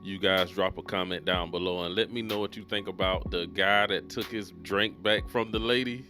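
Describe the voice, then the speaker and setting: A man's voice: low-pitched, fairly even intonation, moderate pace, pushed and bright, soft background music. A man hosting a dating commentary channel, reacting to clips with blunt, opinionated remarks.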